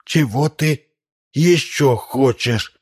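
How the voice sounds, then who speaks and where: Man voicing a robot mother, slow, flat, mechanical, husky, storybook. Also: mid-range voice, pitched above the performer's own voice. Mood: eerie.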